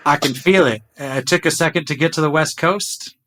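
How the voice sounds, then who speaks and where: A middle-aged man hosts a casual podcast conversation over a video call, enthusiastically sharing numbers with his team. His voice is on the high side and a little fast.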